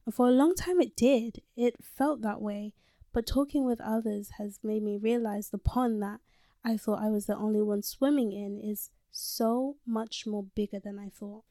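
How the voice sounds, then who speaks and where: Recording in a small closet with a handheld mic, a nineteen-year-old woman from London, whose accent leans slightly American, delivers a candid, swear-filled casual monologue on her solo podcast. Her dark-toned, mid-range voice moves at normal speed with fairly even intonation. The sound is clean studio quality, with no room sound.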